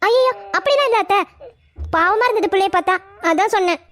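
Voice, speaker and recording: High squeaky young cartoon daughter-in-law, soft and pleading, quick talker. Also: female voice, lively intonation. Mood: apologetic. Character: timid young daughter-in-law and new mother, gentle. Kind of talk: cartoon family drama voicing.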